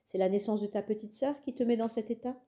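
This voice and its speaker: A woman reading the lines of a gentle, secretive grown woman in an audiobook, in soft, hushed questions. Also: a little high, fast, natural voice.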